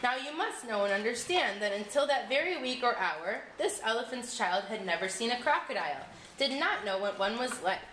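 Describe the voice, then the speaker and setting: A woman with a slightly high voice narrates a scripted storybook tale, expressive and deliberate. The room is echoey, with faint noise in the background.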